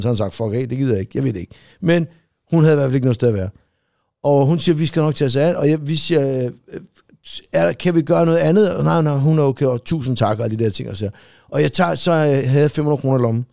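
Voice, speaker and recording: A man's voice: mid-range voice, gravelly, mellow, no room sound, clean studio sound. A man telling a long story in casual chat, rambling, swearing freely and full of fillers. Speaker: podcast co-host.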